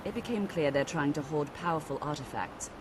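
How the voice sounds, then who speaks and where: An actress playing a composed female mage who speaks in a formal, measured and dry way, heard as game audio. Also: sits low, close to an everyday voice. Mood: wary. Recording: game audio with clear background noise.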